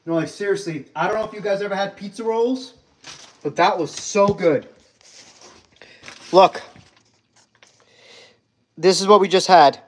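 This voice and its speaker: Holding his phone at arm's length in a house being renovated, a young man from Hungary runs a casual livestream, chatting with viewers. He speaks in a high voice, unhurried and pausing often. He reads their comments out loud and frequently says "guys."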